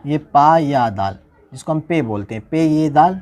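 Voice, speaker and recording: A man's voice: fairly high pitch, lively intonation, darkish tone. Patient man spelling out Urdu letters. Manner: slow, patient, repeats each word and asks "how will we join this?". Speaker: Urdu teacher. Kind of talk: handwriting lesson, spelling out letters. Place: indoors, recording a tutorial without a camera.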